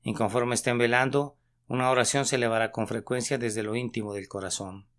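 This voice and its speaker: A man reading a sermon aloud with an earnest, measured preaching delivery. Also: mid-range voice, steady tone, fairly bright tone, clear, resonant tone. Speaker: sermon reader.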